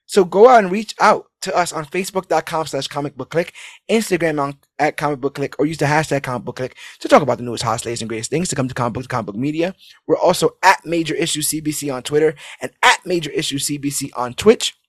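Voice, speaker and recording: On a dry, clean studio recording, a man with a somewhat high voice talks quickly. As the podcast host, he rambles casually through an upbeat outro, hyping the show, making plugs and asking listeners to back it.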